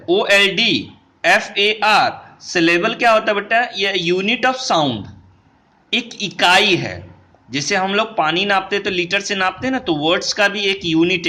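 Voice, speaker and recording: A male teacher with an Indian accent takes students through a quick revision lesson. He moves between two languages and keeps asking whether the class is following. His voice is high and bright. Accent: Indian English. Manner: explains step by step, often checks with "right?"; switches between Hindi and English while teaching. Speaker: English teacher.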